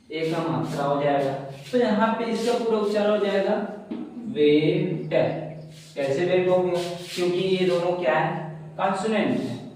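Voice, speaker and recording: A man teaches English pronunciation in a classroom-style lesson, spelling words out letter by letter and answering his own rhetorical questions as he explains slowly and repetitively. His voice is high-pitched with a darkish tone. The room is echoey, with a little hiss or hum.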